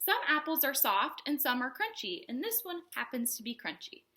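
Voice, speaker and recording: At a moderate pace and high pitch, a woman who works as a children's librarian leads storytime. She uses simple words, an animated sing-song manner, and plenty of questions directed at the young children watching.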